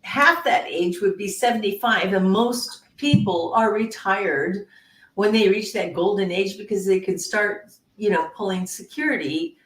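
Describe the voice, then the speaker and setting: A woman hosting a podcast interview, chatty and animated, with playful asides. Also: medium pitch. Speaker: podcast host. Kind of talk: casual interview talk. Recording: roomy echo.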